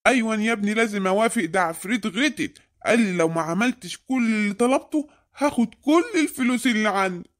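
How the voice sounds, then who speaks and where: A man's voice: high-pitched, animated, fast talker. A man voicing a grumbling, scared Egyptian cartoon father. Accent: Egyptian Arabic. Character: frightened, stingy cartoon father.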